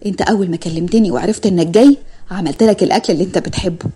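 Woman voicing a doting mother, Egyptian Arabic accent, fussing, fast, warm, husky, storybook character. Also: fairly low pitch, slight background noise, lightly acted. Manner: fussing, affectionate questions. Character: doting Egyptian mother fussing over her returned son.

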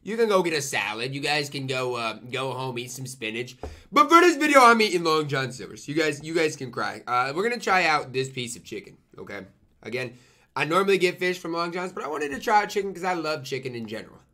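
This young adult man's voice is fairly high, with big pitch swings, a slightly quick pace, and a bright, forceful tone. Speaking to camera from a small room at home, he reviews food casually, eats as he goes with appreciative "mm"s, and hammers his points home by repeating them.

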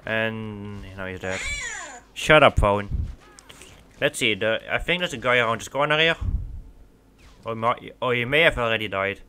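This gaming channel host is a young Dutchman who speaks English as a second language, chatting loosely through a shooter in let's play style, full of fillers and false starts. His fairly low voice is expressive and sharp-toned, moving at a moderate pace over slight background noise.

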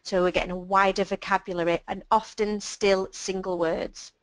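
A woman presenting a webinar on child speech and language, explaining patiently and clearly with simple examples. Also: mid-range voice, little pitch movement, normal speed, no room sound, poor audio.

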